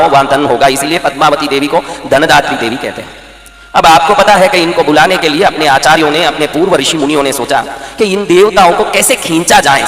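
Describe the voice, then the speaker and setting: A commanding male preacher delivers a sermon to a gathered crowd, his voice pitched high and ringing bright. He keeps testing the listeners with questions. The sound carries a long, echoing hall reverb. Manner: rhetorical questions to the audience, commanding. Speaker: spiritual preacher. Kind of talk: sermon to a live audience.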